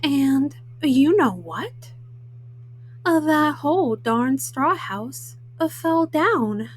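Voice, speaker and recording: A woman voicing a folksy, self-justifying male wolf in a storybook, haltingly, with frequent uhs. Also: sits high, very animated, heavily acted. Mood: self-justifying, matter-of-fact. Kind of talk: storybook read-aloud in first person.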